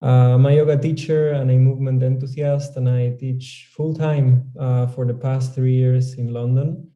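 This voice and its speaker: A man from Argentina, a Spanish speaker, talking as a yoga teacher guest in a relaxed, thoughtful way. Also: medium pitch, normal speed, dull audio. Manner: relaxed, thoughtful, with fillers and some restarts. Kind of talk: casual interview. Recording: echoey room.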